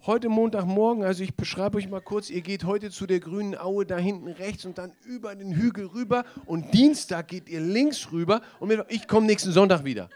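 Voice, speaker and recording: A man's voice: high-pitched, a little fast, few pauses, a little mellow, voice pushed up, close to an everyday voice. A man preaching in German, playing a chatty shepherd who over-explains the week's route in a comic, lifted voice. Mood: breezy. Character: chatty male shepherd giving long directions. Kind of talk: sermon.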